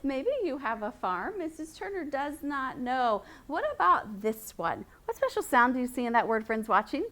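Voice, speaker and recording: A woman teacher leading a class through phonics drills in an animated, sing-song way. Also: sits high, moderate pace, few pauses, a little hiss or hum.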